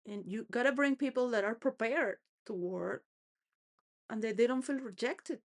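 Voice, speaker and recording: A homeless woman with a fairly high-pitched voice speaks at a moderate pace through a rambling personal monologue. Her thoughts wander and restart often, and she sometimes laughs between phrases.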